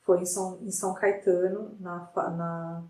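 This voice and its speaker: A middle-aged woman, a psychologist guest, telling a story in a lively way with many restarts. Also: fairly low pitch, unhurried, recorded from a distance. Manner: animated retelling with frequent restarts. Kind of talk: conversational storytelling in an interview. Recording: roomy sound from off the mic.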